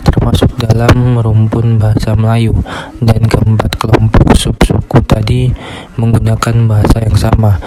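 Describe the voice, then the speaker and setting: A young man, a student, reading his class presentation in a steady, scripted way. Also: lowish voice, very noisy. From Indonesia. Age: young adult. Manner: steady, reads from a script in a flat tone.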